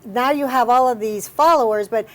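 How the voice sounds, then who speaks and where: A woman hosts a talk show in a chatty way, with a slightly high voice. She sets up each segment and asks the guest questions that dig into her answers. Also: normal speed.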